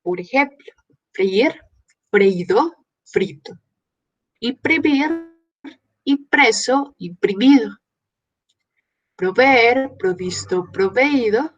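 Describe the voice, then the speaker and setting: Slow, patient woman teaching grammar. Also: fairly high pitch, lively intonation, muffled recording. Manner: patient, explains step by step with examples. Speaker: Spanish teacher. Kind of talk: online grammar lesson.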